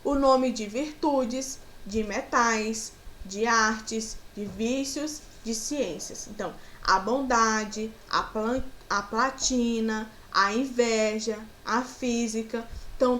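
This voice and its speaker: A woman's voice: a little high, fairly bright tone. A woman from Brazil teaching a grammar lesson to children, patiently giving examples and asking her pupils questions.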